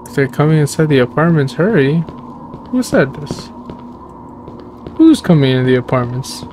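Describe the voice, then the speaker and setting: A man's voice: on the high side, very animated, normal speed, darkish tone. Profane man streaming a horror game. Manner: profane, trash-talking, reacting to scares. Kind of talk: live horror game playthrough commentary. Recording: noticeable background noise.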